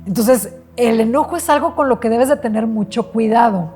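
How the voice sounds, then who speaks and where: A female psychologist speaking to camera, giving calm, unhurried self-help advice with speech and frequent self-corrections. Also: a little high, soft background music. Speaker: psychologist and therapist.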